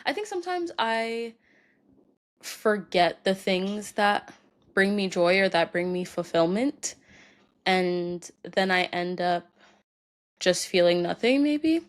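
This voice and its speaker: A young woman hosting a solo podcast, talking about her feelings in a halting way with many fillers, tearful and crying at times. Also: medium pitch, expressive. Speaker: podcast host. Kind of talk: personal solo podcast talk.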